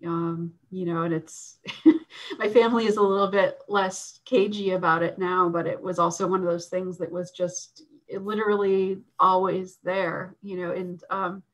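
Woman panel guest, mid pitch, hesitant and filler-heavy, talking over a video call. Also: a bit bright, rough recording. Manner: hesitant, many fillers and laughs. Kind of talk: casual discussion on a video call.

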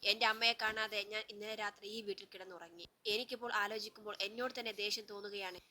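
A woman's voice: mid-range voice, steady tone, quick pace, sharp tone, a little hiss or hum. A woman voicing a distraught pregnant young wife, pleading and accusing by turns. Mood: angry.

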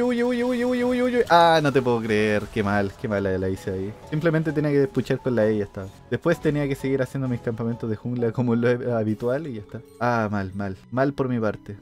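A man commentating his own gameplay, animated and prone to sudden excited shouts and mouth sound effects. His voice sits at an ordinary pitch, with faint game music underneath. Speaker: gaming streamer.

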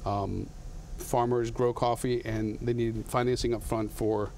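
A Latin American man in his thirties, founder of a coffee company, is a guest in a TV studio interview, speaking earnestly into a lapel mic and often restarting his sentences. His mid-range voice is level, unhurried, and somewhat dark in tone, with slight background noise.

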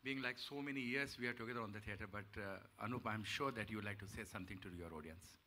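A man's voice: on the low side, quick pace, sharp tone. A man with an Indian accent presenting on stage with informal remarks. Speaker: award presenter. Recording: noisy stage microphone with clicks.

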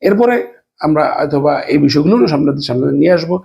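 Gravelly Bangladeshi man teaching a lesson. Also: fairly high pitch, expressive, warm tone, muffled recording. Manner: explains slowly, spells out letters, frequent fillers. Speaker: language teacher. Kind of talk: casual spoken lesson.

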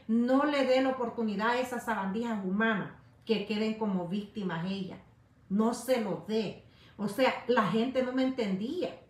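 A woman talking casually to her viewers, animated and repetitive, speaking to them directly. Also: a little high. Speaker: YouTube commentator. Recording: roomy echo.

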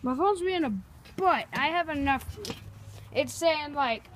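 A woman's voice: high voice, a little slow. A young girl talking casually through a cooking vlog, rambling and making it up as she goes, filmed on a handheld phone at home. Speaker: vlogger. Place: home kitchen and backyard. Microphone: handheld phone camera.

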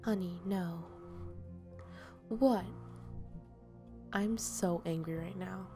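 A young woman streamer giving playful let's-play commentary, often dropping to soft whispers. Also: medium pitch, measured pace, faint music behind.

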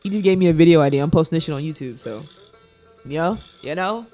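Fast and warm, with lively intonation and a fairly high pitch, a young man reacts casually on his livestream and banters with chat in informal slang. Faint background music plays in the indoor streaming space.

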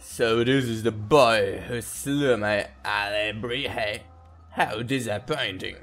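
A man voicing a haughty skeleton villain lord who scorns his foe and barks commands, pitching his voice lower. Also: slow pace, fairly bright tone.

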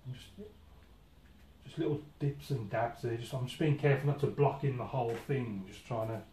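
At his easel in an indoor studio, a watercolour painting instructor gives a casual demonstration, thinking aloud and restarting often. His mid-range voice is dark in tone and moderately paced, and the room is echoey with clear background noise.

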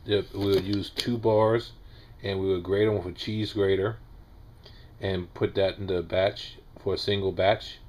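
A man's voice: low-pitched, steady tone, measured pace, darkish tone. A man in his forties with a Southern US accent, talking casually in a how-to video and rambling a little with restarts. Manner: plain-spoken, rambling with restarts and fillers. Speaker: homestead vlogger. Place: small wood-paneled room indoors.

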